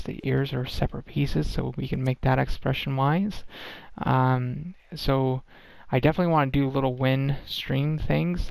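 A man's voice: mid-range voice, gravelly, darkish tone, no room sound. A tired man giving a casual, rambling game development update, full of ums and restarts. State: tired, worn-out voice.

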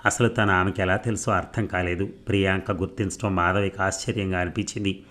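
A man narrates a serialized novel in a steady, even storytelling delivery. His voice sits low and deep, suited to a long audiobook reading. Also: a little fast.

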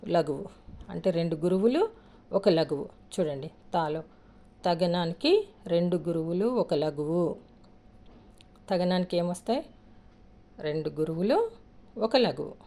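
A woman's voice: fairly low pitch, warm tone. A woman teaching a lesson step by step, patiently counting syllables aloud and asking questions she then answers herself.

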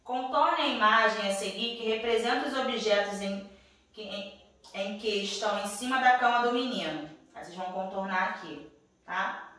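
A woman's voice: mid-range voice, normal speed, pushed and bright, heavy reverb, recorded from a distance, poor audio. A woman teacher with a Brazilian Portuguese accent reading a worksheet to young pupils, patiently checking in after each step. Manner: refers to herself as "[name]". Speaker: primary school teacher.

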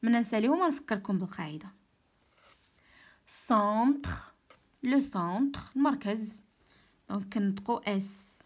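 A woman with a Moroccan Arabic accent teaches French spelling in an online lesson. She speaks at a middling pitch and says each example word slowly, sometimes twice. Then she calmly explains how it is pronounced.

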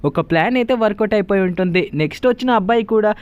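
A man narrates a short story video at a brisk clip, his voice high and clean. He speaks close to the mic with no room sound around him, and he keeps the pace up as he acts out each person's lines. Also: animated, smooth, no echo, lo-fi sound. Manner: fast retelling that voices the dialogue in quotes.

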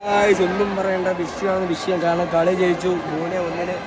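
A man chatting excitedly and casually to vlog viewers, mixing in English words and repeating slangy exclamations. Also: sits high, moderate pace. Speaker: vlogger. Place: outdoors and in a packed football stadium. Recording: very noisy outdoor stadium crowd roar.

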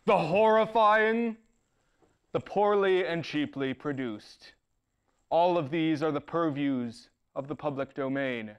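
A man playing a theatrical undead dark lord, a horror host count introducing his show in a grandiose, archly ominous manner. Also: on the high side, clean tone.

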